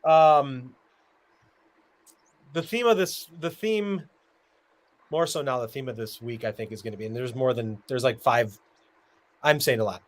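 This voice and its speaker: A man's voice: medium pitch, measured pace, pauses often. A man hosting a casual sports podcast, teasing his co-host and steering the talk to the next topic.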